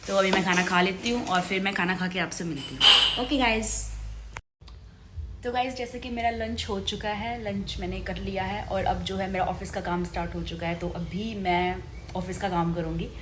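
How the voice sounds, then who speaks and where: A young woman vlogging casually at home, chatty and quick, forever calling her viewers "guys". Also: medium pitch, fairly even intonation, very noisy. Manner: fast-talking. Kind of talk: casual vlog chat to camera. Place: at home and outside in the street.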